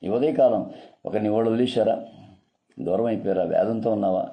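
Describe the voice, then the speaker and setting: A man's voice: on the low side, fairly quick, dull audio. A man preaching a devotional morning sermon as a pastor, earnest and pleading, repeating his phrases. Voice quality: dark, mellow voice.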